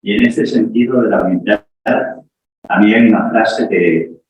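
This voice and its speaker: A man, a priest, giving a conversational talk to a parish group, pausing on fillers and restarting phrases as he thinks aloud. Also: fairly low pitch, a little mellow. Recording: echoey room heard from far off, dull sound.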